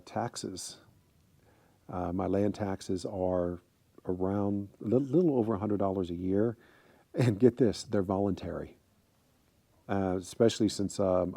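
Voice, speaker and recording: A man's voice: low-pitched, vocal fry, dark tone, dry recording. A man in his fifties from the United States, talking casually to camera in a rambling way with many fillers and restarts. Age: 50s. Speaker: vlogger.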